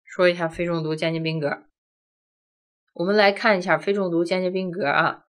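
A woman's voice: fairly low pitch, fairly even intonation, a little fast. A woman teaching a grammar lesson, walking through each point step by step and often asking rhetorical questions. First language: Chinese. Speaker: language teacher. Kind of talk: classroom-style grammar lesson.

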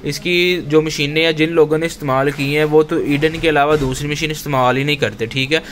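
Man, shopkeeper, conversational product demo, slightly high voice, faint background noise. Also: fairly even intonation, fairly quick, fairly bright tone. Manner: conversational, repeats "theek hai" as a filler. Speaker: shopkeeper reviewing machines. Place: workshop or tool shop, indoors.

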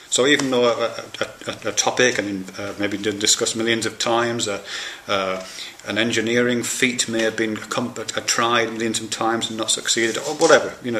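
A man's voice: lowish voice, pushed and bright. A man, an academic lecturer, reading out points and explaining them informally with fillers and restarts. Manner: reads points aloud then explains casually, with fillers. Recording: echoey room with faint noise.

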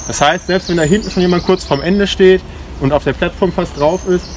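A brisk, high-pitched man in his 20s works as a climbing instructor, giving an informal safety briefing with a demonstration at a forest ropes course. A camera mic a few steps away picks him up clearly along with outdoor noise, passing vehicles and clinking gear.

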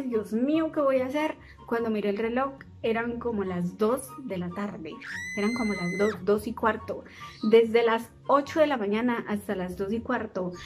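A young woman, a beauty vlogger telling a storytime monologue and acting out the people she quotes. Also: on the high side. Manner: animated, acts out quoted dialogue.

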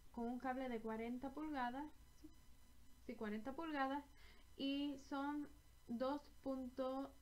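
Filmed in a low-quality webcam recording in her small bedroom, a Puerto Rican knitting vlogger talks casually to camera. Her slightly high, darkish voice carries a Puerto Rican Spanish accent, and she wanders from point to point, frequently stopping to fix what she just said.

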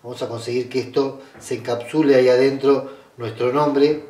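A man's voice: medium pitch, fairly even intonation, mellow. Hesitant Argentine man, roomy distant sound. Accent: Argentine Spanish. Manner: unhurried, hesitant, with frequent "eh" fillers and restarts. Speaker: spiritual ritual guide. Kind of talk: step-by-step ritual tutorial. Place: small indoor room at a red-draped altar table.

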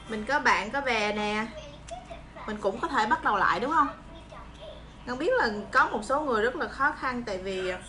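A woman's voice: on the high side, sharp tone. A woman in her thirties from Vietnam with a southern Vietnamese accent, chatting casually and reassuringly to viewers into a phone in a small room. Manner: encouraging, reassuring. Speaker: livestream host. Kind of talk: casual chat to viewers while eating and preparing fruit. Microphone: phone propped at arm's length. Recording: clear background noise, phone video.

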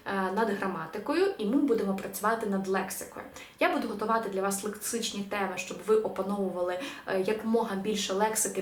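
A woman's voice: medium pitch, reverberant. A woman teaching an online language lesson, explaining patiently with frequent hesitation sounds.

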